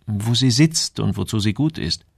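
A man voicing an earnest, quick-tempered young sailor visiting home, in an audiobook. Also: fairly low pitch, lively intonation, creaky, no room sound, studio quality. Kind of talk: audiobook character voice.

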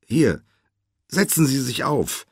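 A man voicing a calm helper at a sickbed who speaks politely and gently. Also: medium pitch, slow pace, husky, no room sound, studio quality, pitched above the performer's own voice, heavily acted. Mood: gentle.

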